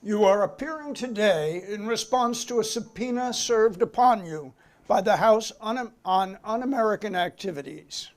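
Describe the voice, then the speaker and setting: A man with a high-sitting, natural voice speaks at normal speed, playing a formal, insistent committee counsel who courteously questions a witness. It's a dramatic reading of a hearing transcript, and the mood is formal and probing.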